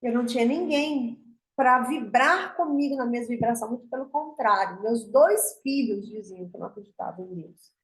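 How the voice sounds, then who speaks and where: A Brazilian woman with a fairly high voice speaks to an online circle of women with open, earnest feeling. Her pace surges and then slows as she tells her story. The room around her is roomy and echoey. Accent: Brazilian Portuguese. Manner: earnest and emotional, speeding up and slowing down in bursts. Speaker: host of an online women's spiritual meeting. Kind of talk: heartfelt personal testimony to an online group. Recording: roomy echo.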